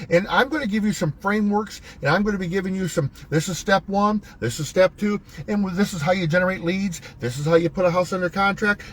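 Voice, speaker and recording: A man's voice: sits high, a little hiss or hum. A man hosting a real estate channel, giving a folksy, preachy pep talk that quotes scripture and jokes at his own expense. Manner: self-mocking jokes. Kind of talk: motivational monologue.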